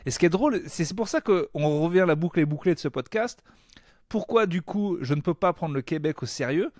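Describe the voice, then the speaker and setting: A man co-hosting a podcast, telling animated stories with frequent laughter. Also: on the high side, brisk, no room sound, clean studio sound. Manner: animated storyteller, laughs often. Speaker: podcast co-host. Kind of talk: casual chat.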